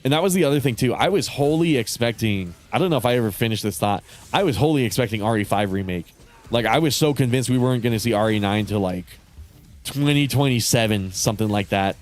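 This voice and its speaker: An animated man with a mid-range voice talks quickly while streaming a game. His casual chat is nasal and congested, rambling and peppered with swearing and laughter between thoughts.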